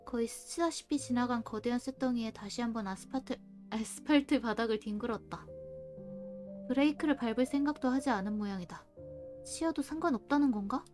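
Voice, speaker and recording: A woman streaming a story game, reading its narration aloud in a steady storytelling voice. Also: on the high side. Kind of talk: let's-play reading game text aloud.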